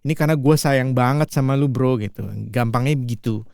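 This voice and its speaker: A man gives a relaxed language lesson, saying each phrase over and over and then rephrasing it in street slang. His voice sits close and dry with no room sound at all. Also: mid-range voice, a little fast, clear, resonant tone, no room sound. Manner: repeats each line and paraphrases it in slangy terms. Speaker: English teacher. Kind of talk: casual language lesson explaining film lines.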